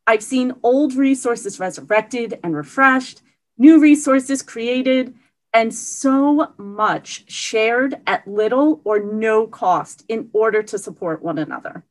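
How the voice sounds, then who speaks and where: A woman giving a prepared award acceptance speech over a video call, earnest and steady. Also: fairly high pitch, takes it slowly, low-quality recording. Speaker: award recipient.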